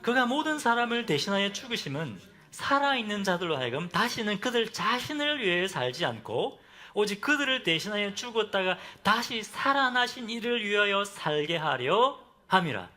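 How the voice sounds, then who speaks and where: A man preaching a Sunday sermon as pastor. He asks the congregation questions and ends phrases softly for emphasis. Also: very animated, normal speed. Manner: drops to soft, low endings for emphasis.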